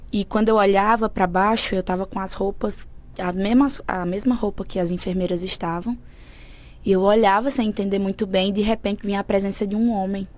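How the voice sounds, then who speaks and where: A woman, a podcast guest who shares a personal faith story in an earnest, emotional way that often goes soft. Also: mid-range voice. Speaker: podcast guest, mentor of women. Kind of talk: personal faith testimony in conversation.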